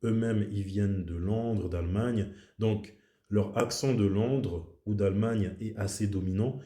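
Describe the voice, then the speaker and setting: Dark-voiced man musing in an echoey room. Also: on the low side, measured pace. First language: French. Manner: reflective, repeats himself for emphasis. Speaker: video host. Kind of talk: casual explanatory monologue.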